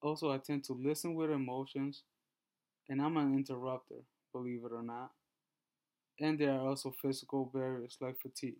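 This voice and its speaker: A man in his twenties from Honduras, giving a class presentation and reading through his slides in a measured way with small restarts. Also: mid-range voice, flat delivery, warm tone. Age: 20s. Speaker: student presenter.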